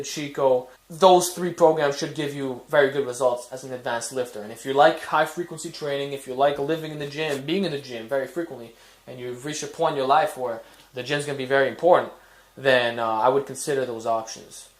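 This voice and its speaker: A man hosting a fitness video, giving blunt, casual training advice with frequent fillers and swearing. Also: mid-range voice. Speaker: fitness channel host.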